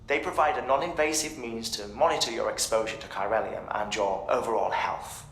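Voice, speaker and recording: A man's voice: mid-range voice, fairly quick, a bit bright, natural voice. An actor playing an earnest, clinical male researcher, speaking formally and precisely in a video game briefing. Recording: roomy echo, faint noise.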